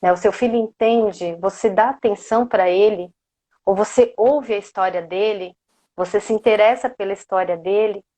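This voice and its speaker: A woman's voice: mid-range voice, normal speed, mellow. A woman with a Brazilian accent, a coach giving a motivational parenting talk, who keeps asking her listeners questions and often tags her phrases with "né?". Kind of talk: motivational lecture.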